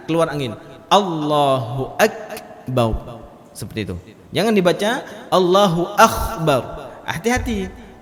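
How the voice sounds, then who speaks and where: High-voiced teacher in an echoing mosque. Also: male voice. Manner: explains letters then demonstrates with loud drawn-out recitation. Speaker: Quran recitation teacher. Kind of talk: mosque tajwid lesson. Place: large mosque hall. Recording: echoey mosque hall.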